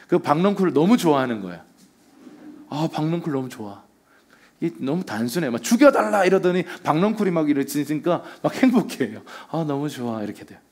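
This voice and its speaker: A man preaching a Sunday sermon as pastor, telling the story with energy and acting out the lines he quotes. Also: fairly high pitch.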